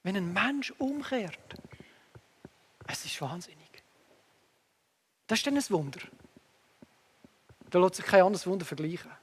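A man preaching a sermon earnestly, moving between emphatic lines and hushed asides, with long hall reverb. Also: high voice, animated, moderate pace, pauses often, husky.

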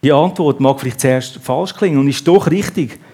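A man's voice: mid-range voice, normal speed, warm tone, slightly rough. A man preaching a sermon, acting out the quotes in the story with a raised voice.

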